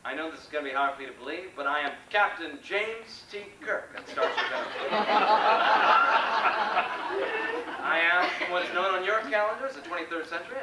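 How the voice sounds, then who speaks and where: Casting: male stage actor as a high-pitched, grandiose, deluded starship captain, indignant, halting with dramatic pauses, comic monologue, recorded in an echoey room. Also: natural voice. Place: indoor stage performance. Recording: roomy, distant mic, noisy stage recording.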